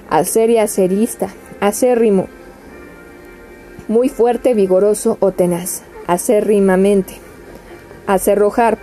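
A woman with a mid-range voice reads dictionary entries aloud in a steady, list-like cadence, frequently stumbling and restarting words.

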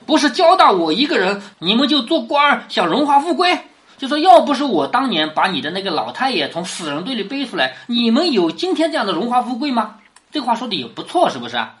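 A woman with a fairly high voice and big pitch swings speaks fast while lecturing on a classic novel. Her explanation and retelling stay in plain, chatty language, and she keeps posing rhetorical tag questions, her voice dropping each time.

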